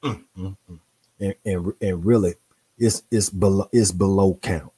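A man's voice: low voice, fairly even intonation, unhurried, mellow, slightly rough. A man hosting a show, reading from a book and breaking off into preachy, playful slang commentary with exclamations and repetitions. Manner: speaks in informal slang. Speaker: host.

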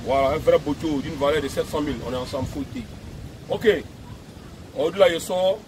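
A man's voice: a little high, brisk, darkish tone, a little hiss or hum, low-quality recording. A man giving an emphatic, repetitive video message outdoors at a beach. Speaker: music personality addressing fans.

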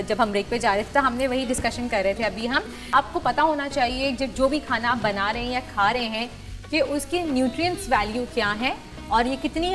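Woman, 30s, cooking show host, chatty, higher voice, studio kitchen, background music. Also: a bit bright. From Pakistan. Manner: chatty, explanatory, mixes in English phrases. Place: indoor TV kitchen studio set.

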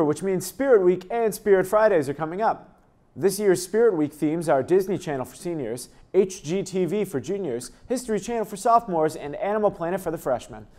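Young guy doing school announcements off a script, voice a bit high. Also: darkish tone.

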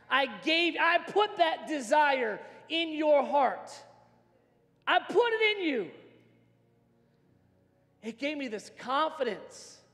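With a very high-pitched voice, a middle-aged American man preaches as a pastor on a large church stage, telling personal stories in an emphatic sermon that swings from hush to shout. The audio, from a worn hands-free microphone, carries the reverberation of a large hall's sound system.

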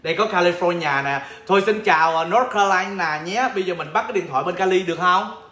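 A man hosting a lively sales livestream, playful and laughing often as he teases callers. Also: high voice, quick pace, reverberant. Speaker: livestream seller and host. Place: home, in Chicago.

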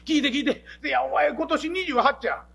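A man's voice: extremely high pitch, normal speed, vocal fry, voice pushed up, heavily acted. A man doing a hot-headed young Kansai blusterer. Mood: excited. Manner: excitable, loud, blustering.

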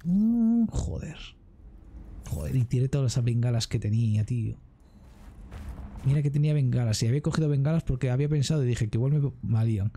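A man with a Spain Spanish accent giving casual gameplay commentary, excitable and jokey, swearing freely. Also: mid-range voice, quick pace. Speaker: gaming streamer.

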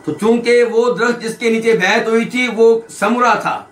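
A high-voiced man gives a hadith lesson, his tone bright and ringing. He keeps asking his listeners quick questions as he explains, and he slows down to recite each quoted line. The recording has a roomy echo. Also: fairly even intonation. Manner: recites quoted lines slowly, then explains them. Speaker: hadith teacher. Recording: echoey room.

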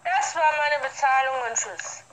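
A woman playing a pushy customer in a casual game roleplay, talking in drawn-out lines. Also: high voice, a crowd in the background, poor audio.

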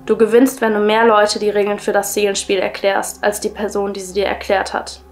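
A woman voicing a frightened young boy who speaks in a hushed, resigned way in a spooky story reading. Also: mid-range voice, level tone, brisk, faint music behind, lightly acted. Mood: fearful. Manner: hushed, fearful.

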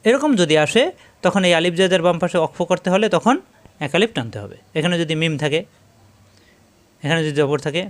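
A man teaching a Quran recitation lesson, explaining each rule step by step and repeating key points patiently while he demonstrates the sounds. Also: a little high.

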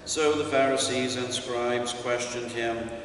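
An older man, a priest, reading scripture and preaching a homily in a slow, measured way from a lectern in a church. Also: medium pitch, fairly even intonation, a bit bright, a little hiss or hum. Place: church sanctuary in front of a stained-glass window. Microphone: distant camera mic. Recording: echoey church from a distance.

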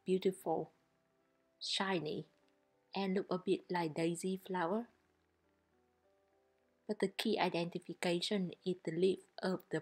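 Calm low-voiced woman narrating a foraging vlog. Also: slightly rough. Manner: calm, simple instructive phrasing; non-native English grammar. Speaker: foraging guide.

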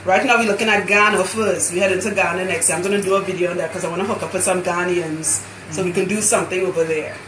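Working as a loctician in a salon, this woman hosts a live stream, talking fast in a fairly low voice with a Trinidadian accent. She's boisterous, animated and full of laughter, while the echoey room, crowd noise and rough audio fill in behind her.

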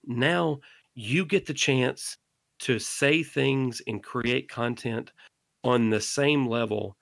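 A middle-aged man appears as a podcast guest, earnestly and passionately urging listeners to keep creating in an interview monologue. His mid-range voice is slow, creaky, and fairly bright, with no room sound.

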